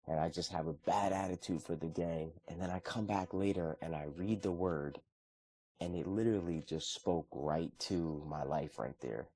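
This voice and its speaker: This low-pitched vlogger, a man in his thirties, speaks at a moderate pace about his morning routine and his faith. He's earnest and relaxed, chatting conversationally and often restarting his sentences.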